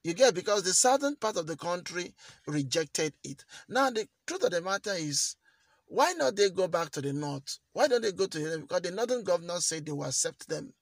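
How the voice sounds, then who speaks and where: A man talks straight to his viewers in a fairly high voice, earnest and repeating key lines to drive them home. The sound is dry and close, with no room around it. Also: big pitch swings, brisk, no echo. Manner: earnest, repeats phrases for emphasis. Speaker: news vlogger. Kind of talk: commentary to camera.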